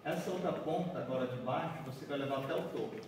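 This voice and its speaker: A fast-talking man in his forties with a mid-range voice, from Bahia, Brazil, leads an origami workshop for a seated group in a big conference room over a noisy background. Chatty, he walks and folds paper, repeatedly asking "né?" and "certo?". A distant room camera with no mic in view records the echoey hall.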